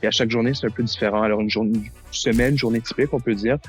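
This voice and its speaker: Fast-talking young man. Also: on the low side, soft background music. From British Columbia, Canada. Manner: relaxed, many fillers and restarts. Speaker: journalist, former student. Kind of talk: interview testimonial.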